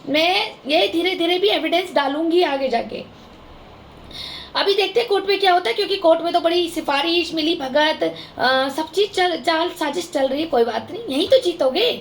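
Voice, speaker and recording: High, gravelly voiced woman vlogger. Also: a little hiss or hum. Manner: aggrieved, impassioned, accusing. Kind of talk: emotional vlog monologue to viewers.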